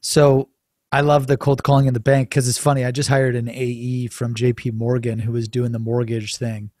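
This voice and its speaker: A man's voice: medium pitch, little pitch movement, normal speed, a little mellow, no echo, studio quality. A young man hosting an interview, reacting with casual enthusiasm and a bit of swearing. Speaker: podcast host.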